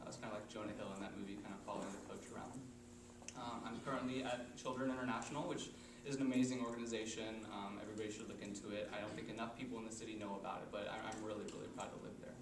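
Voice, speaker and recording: A young man from Missouri giving a casual political candidate's opening statement, quick and full of fillers. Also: lowish voice. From Missouri, USA. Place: meeting chamber. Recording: echoey hall, far off mic, noisy.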